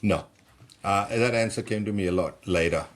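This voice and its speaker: A middle-aged man from Malaysia speaks in a fairly low voice as a podcast guest. He tells stories with animation and keeps restarting words as he gets excited. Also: moderate pace. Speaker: guest, personal development coach. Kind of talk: conversational storytelling.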